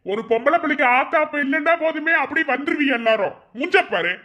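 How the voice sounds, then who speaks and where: Voice actor doing a hot-tempered village woman from a cartoon, who spits out threats and insults in a thick Madurai accent. Her voice sits fairly high and cuts through sharply. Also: expressive, fast talker, highs cut off. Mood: furious. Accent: Madurai Tamil. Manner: harsh, threatening, shouting insults. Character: fierce village woman scolding a man. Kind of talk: cartoon voice acting.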